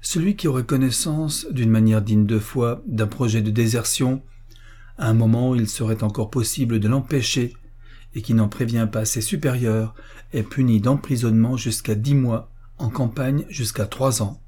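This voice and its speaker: A man's voice: medium pitch, moderate pace, mellow, breathy edge, natural voice. A man reading an audiobook, voicing a young soldier who stiffly recites a military rule. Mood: reciting.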